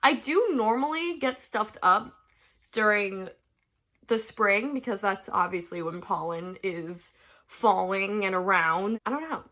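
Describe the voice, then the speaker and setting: Speaking at a measured pace, this young US woman has a mid-range, bright, forceful voice with lively intonation. Congested from a cold, she laughs a lot as she chats to camera about her crafts in her bedroom.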